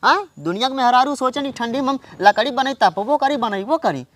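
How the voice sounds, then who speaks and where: A man's voice: very high voice, expressive, fairly quick, fairly bright tone, no room sound. A man teasing and bantering in a rural family comedy sketch.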